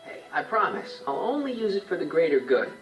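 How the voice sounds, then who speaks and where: A breezy teenage time traveler. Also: male voice, fairly high pitch, sing-song, a little fast, a bit bright, roomy sound, distant mic, faint music behind, poor audio. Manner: breezy, persuasive.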